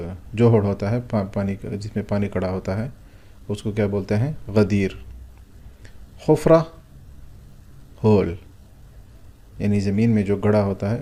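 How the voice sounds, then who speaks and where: A man with a fairly low, mellow voice walks through vocabulary like a patient teacher. He hesitates often with drawn-out fillers before each explanation. He keeps asking a question aloud and then answering it himself. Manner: patient, asks and answers his own questions. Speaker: Arabic teacher. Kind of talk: vocabulary lesson, explaining words one by one.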